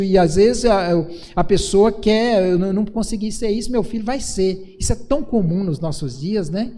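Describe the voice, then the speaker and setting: A male pastor with a Brazilian Portuguese accent preaches earnestly, stumbling over restarts. His voice sits high yet sounds mellow and warm. The church hall around him rings with a long reverb. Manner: earnest preaching with many restarts and acted quotes of parents. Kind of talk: sermon. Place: church sanctuary.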